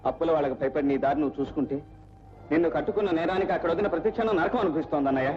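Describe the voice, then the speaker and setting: An actor playing an earnest, defiant young son. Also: male voice, on the high side, racing, natural voice. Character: earnest young son refusing arranged marriage. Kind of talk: 1980s Telugu film acting. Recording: lo-fi film soundtrack with music.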